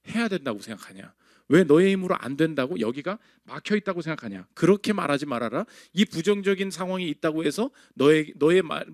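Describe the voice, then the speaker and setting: Lively animated male preacher. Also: on the high side, no room sound, clean studio sound. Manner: animated preaching, acting out quoted voices. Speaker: pastor. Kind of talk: sermon.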